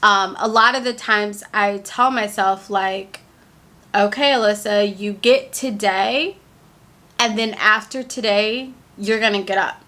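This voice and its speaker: A young woman, slightly congested from a leftover cold, talks frankly to her camera on a stand in an easygoing vlog. Her medium-pitched voice is bright, forward, and steady in tone, and she never rushes. She chats freely, filling gaps with words like "like."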